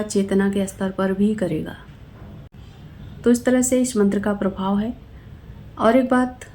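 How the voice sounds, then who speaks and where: A woman explaining devotional mantras to viewers in a calm, instructive way, speaking directly to them. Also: fairly high pitch, slight background noise. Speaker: spiritual teacher.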